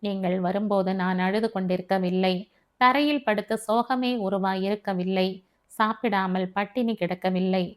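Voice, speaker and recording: A woman's voice: medium pitch, normal speed, lightly acted. Frank, composed divorced woman, as read aloud. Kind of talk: audiobook dialogue reading.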